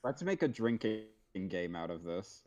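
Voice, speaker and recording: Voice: mid-range voice, very animated, warm tone. A young adult from the United States joining a group reading, joking in casual chat. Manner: slow-spoken, joking. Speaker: reading participant.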